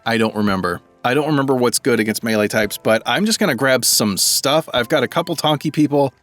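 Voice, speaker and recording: A man's voice: mid-range voice, brisk, a bit bright, faint music behind. Man rambling over a video game. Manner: thinking aloud, rambling. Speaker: gaming video creator. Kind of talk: casual let's-play commentary.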